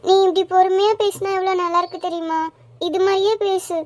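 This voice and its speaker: A woman's voice: very high-pitched, little pitch movement, a little mellow. A woman voicing a chatty, cheeky teenage schoolgirl in a cartoon series. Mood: sheepish. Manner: chatty, cheeky, quick to tears. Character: chatty schoolgirl in twelfth grade. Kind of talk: Tamil cartoon series voice acting.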